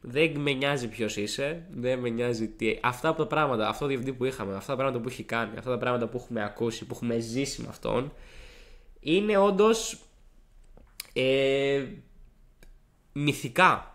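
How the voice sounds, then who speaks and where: A young man with a hoarse, gravelly voice, co-hosting a podcast and telling a rambling story with lots of restarts. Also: medium pitch. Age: young adult. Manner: animated, rambling, frequent restarts and acted-out quotes. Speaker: podcast co-host. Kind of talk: casual storytelling chat.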